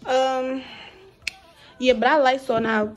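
Speaking a little slowly in a high, level voice, a young college freshman walks her viewers through her small indoor dorm room. She's chatty, lists off her belongings, and calls her audience "y'all."

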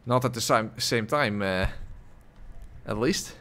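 With a fairly low pitch and a slightly bright tone, a man speaks slowly into a desk mic held close as he streams a game. He chats with viewers and reads chat in loose, rambling play-by-play, dotted with fillers and quiet chuckles.

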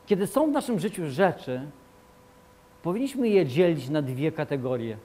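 A pastor preaches a sermon in a slightly high voice at normal speed, animated, emphatic, and repetitive. He swings between loud declarations and quiet asides.

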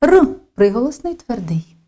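A woman teacher giving slow, careful instructional narration for a lesson, dictating each step deliberately. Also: fairly high pitch, sing-song, dark tone.

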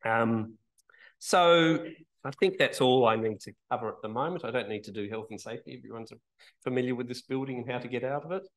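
A man's voice: medium pitch, a little fast, rough recording. A man giving opening remarks at a public panel event, talking informally with many fillers. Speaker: event organiser.

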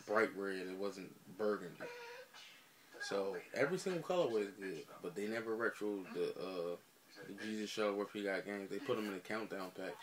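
A young man giving a casual, unscripted rant to camera as a vlogger, rambling and laid-back, with slangy, profane talk. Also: fairly low pitch. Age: young adult. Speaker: vlogger reviewing sneakers. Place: small room at home, indoors.

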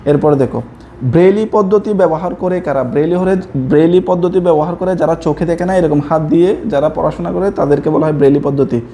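Working through slides for an exam prep coaching lesson, this young Chittagonian man keeps repeating the key answers to his students. He talks quickly in a slightly high, mellow voice with a Chittagonian Bengali accent, and there's slight background noise.

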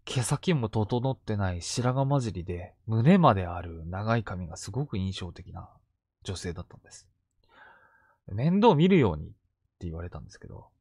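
A man narrates true ghost stories in a hushed, suspenseful way. His pitch swings widely as he builds dread. The sound is dry and close, with no room around it. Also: breathy edge, dry recording. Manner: hushed, suspenseful storytelling with sudden vivid quotes.

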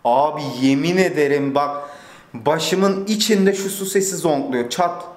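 A young man vlogging casually, complaining loudly and swearing in comic exasperation. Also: fairly high pitch, unhurried. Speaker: YouTuber. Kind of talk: casual vlog chat. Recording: very echoey room.

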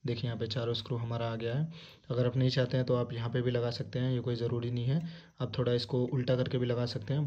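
Flat-voiced man giving a PC hardware tutorial. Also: mid-range voice. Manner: flat, repetitive instructional talk with fillers. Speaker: tech tutorial host. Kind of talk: casual hands-on tutorial. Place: indoors at a desktop PC. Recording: noisy home recording.

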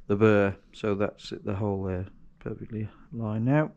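The audio is dull, and the man's voice sits on the low side, a little mellow, with fairly even intonation and a moderate pace. A home mechanic vlogger in a large, cluttered indoor garage, he casually works through an engine rebuild, thinking aloud with restarts and self-corrections, captured by a chest-mounted action camera.

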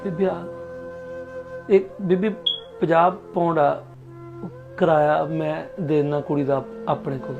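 A man acting a skit and speaking to viewers, halting and earnest. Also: fairly high pitch, fairly even intonation, creaky, lo-fi sound, over music. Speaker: skit creator and actor. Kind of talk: scripted skit and address to viewers.

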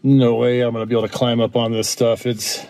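A man's voice: medium pitch, little pitch movement, a little fast, heavy background noise. A man narrating a casual adventure vlog while hiking and exploring mine tunnels, laid-back and chatty with many fillers. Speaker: vlogger exploring mines.

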